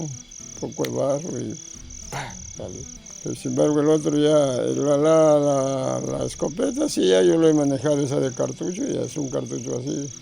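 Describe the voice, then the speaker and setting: Older man, northern Peruvian accent, very creaky voice, rambling fireside-style oral storyteller, music clearly behind him. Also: medium pitch, dark tone, rough recording. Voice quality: gravelly, creaky aged voice. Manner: rambling, repeats phrases, colloquial. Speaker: grandfather recounting local oral history.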